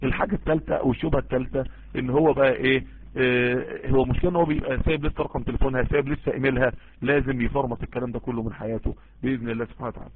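Fast-talking Egyptian preacher on a tinny line. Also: male voice, mid-range voice, steady tone, slight background noise. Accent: Egyptian Arabic. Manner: earnest, emphatic, addresses listeners directly and repeats for stress. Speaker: preacher answering listener messages. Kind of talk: informal Islamic sermon and advice.

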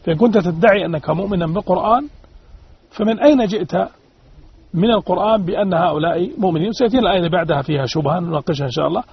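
A man's voice: high voice, rapid-fire, slightly rough. A man on a religious discussion panel, arguing emphatically, repeating his points and posing rhetorical questions. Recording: dull radio-like sound.

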